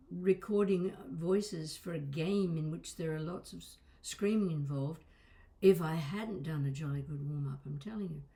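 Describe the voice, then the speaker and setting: This informal lesson to camera comes from an older woman who coaches voices and presents, speaking conversationally, digressing and adding wry asides. Her voice sits low and warm, with a slight crackle and some small breaks.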